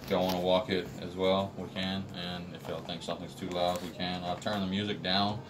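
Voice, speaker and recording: An installer gives staff a plain, practical, step-by-step walkthrough of a piece of equipment, speaking informally in a deep, level voice at a brisk pace. The room is noisy, and the microphone is distant.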